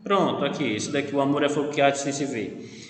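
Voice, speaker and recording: A man's voice: mid-range voice, a little fast. A male literature teacher with a Brazilian accent, lecturing an online class patiently and often checking in with his students. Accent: Brazilian Portuguese. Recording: echoey room with long reverb.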